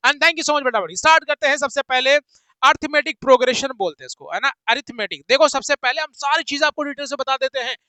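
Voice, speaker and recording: High-pitched jokey man teaching maths. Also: no room sound, poor audio. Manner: jokey, teasing, sing-song, switches between loud and soft. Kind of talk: playful online maths lesson.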